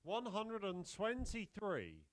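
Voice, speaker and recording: A man's voice: sits high, wildly swooping pitch, takes it slowly, heavy background noise. A man working as a darts score caller, announcing scores and legs in short, formal calls.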